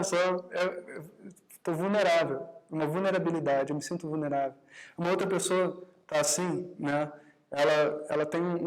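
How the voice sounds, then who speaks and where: A man's voice: sits high, rough recording. A man teaching a live meditation workshop in a conversational way, often checking in with the audience and acting out short exchanges. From Brazil. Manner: conversational, often adds tag questions to the audience; acts out quoted dialogue in his own talk.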